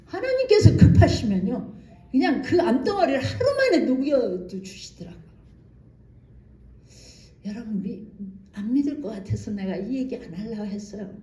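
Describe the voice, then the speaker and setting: A woman missionary gives a special lecture in an echoey church hall, telling stories with animated energy and acting out the quotes. Her voice is a little high and dark-toned, very animated, at a normal speed.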